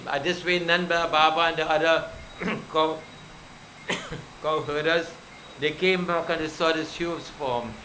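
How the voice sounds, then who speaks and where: A male pundit with a slightly high, pushed and bright voice preaches a devotional sermon, telling scripture stories and exhorting the devotees he addresses. The recording is rough, with slight background noise.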